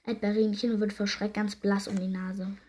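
A woman reading a children's story aloud in a gentle, lively way. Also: mid-range voice, moderate pace.

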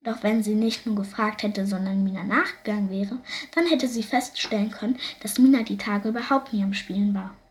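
A woman reading a children's story aloud with lively expression. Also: medium pitch, fairly quick.

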